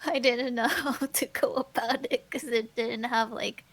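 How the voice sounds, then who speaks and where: A woman's voice: a little high, steady tone, a little slow. A woman guest in a casual group chat, giggly and teasing as she talks about reading a skit.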